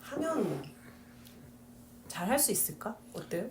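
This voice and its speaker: A woman's voice: medium pitch, sing-song, measured pace. Woman talking in an echoey room. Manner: reflective, asks the group questions. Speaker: teacher hosting a book discussion. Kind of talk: casual discussion. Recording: echoey room, distant mic, faint background noise.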